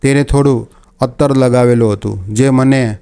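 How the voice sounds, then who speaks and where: A man telling a first-person story in a calm, steady storytelling manner. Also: mid-range voice, moderate pace, vocal fry, clear, resonant tone.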